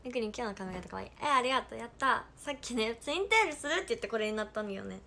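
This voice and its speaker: A young woman with a Hakata accent chats casually on an idol livestream. She reads viewer comments aloud in a playful way, and her voice sits a little high with a sharp, bright tone. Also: expressive, very fast, gravelly, slight background noise. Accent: Hakata dialect.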